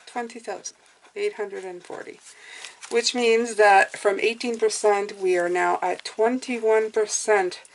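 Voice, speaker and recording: A woman's voice: mid-range voice, a little hiss or hum, rough recording. A woman with a whistling s, talking casually through her budget as a hands-on vlogger. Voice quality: whistling s from clear aligners.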